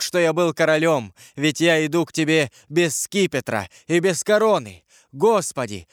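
A man's voice: medium pitch, no echo, studio quality, close to an everyday voice. A man reading an audiobook voices a dying young king who prays fervently and pleads for forgiveness.

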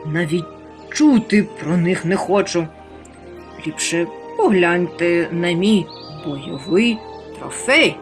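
A woman's voice: on the low side, expressive, slow, faint music behind. A woman voicing a fretful, self-pitying male storybook creature who moans and complains. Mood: pleading. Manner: moaning, complaining.

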